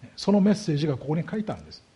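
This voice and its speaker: A man's voice: fairly high pitch, very animated, warm tone, slightly rough. A man preaching a sermon as a pastor, explaining scripture and asking his congregation rhetorical questions. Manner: slows down heavily on key words.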